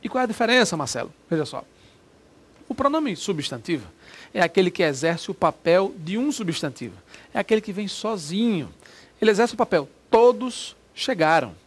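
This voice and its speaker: High-voiced man teaching grammar. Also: sing-song, normal speed, slightly rough. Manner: explains step by step with many rhetorical questions. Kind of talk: exam-prep grammar lesson.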